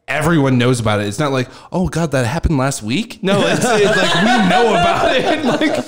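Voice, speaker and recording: Joking man in his thirties, lively pitch. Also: normal speed, over a noisy crowd. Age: 30s. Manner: joking, animated banter. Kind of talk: casual chat.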